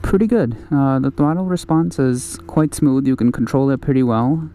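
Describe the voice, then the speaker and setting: A man's voice: mid-range voice, moderate pace, warm tone, clear, resonant tone. A man giving casual point-of-view commentary outdoors on a street while riding an electric skateboard. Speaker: vlogger reviewing an electric skateboard. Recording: outdoor ride noise, passing vehicles. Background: vehicle and ambient noise.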